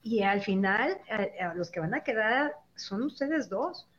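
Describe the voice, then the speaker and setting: A woman with a Mexican accent, co-hosting a casual chat, agreeable and quick with short affirmations. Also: medium pitch, lively intonation, fairly bright tone, a little hiss or hum. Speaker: co-host. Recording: dull, lo-fi sound.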